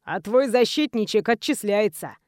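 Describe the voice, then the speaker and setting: A woman's voice: medium pitch, animated, moderate pace, darkish tone, no room sound, clean studio sound, pitched below the performer's own voice, close to an everyday voice. A woman reading an audiobook, voicing an arrogant, crude young male student who sneers and taunts. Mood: sneering threatening.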